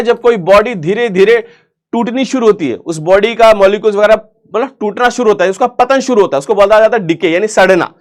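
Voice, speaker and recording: A man teaching vocabulary for an exam in a chatty, joking way, asking questions and answering them himself, with English words in an Indian accent. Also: sits high. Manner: chatty, jokey, asks and answers his own questions. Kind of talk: online exam-prep vocabulary lesson.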